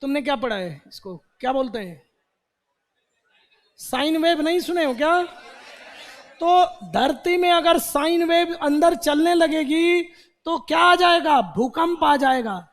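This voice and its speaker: High-voiced man teaching in a reverberant hall. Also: unhurried. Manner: quizzes students with repeated questions. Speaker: English teacher. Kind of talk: classroom vocabulary lecture.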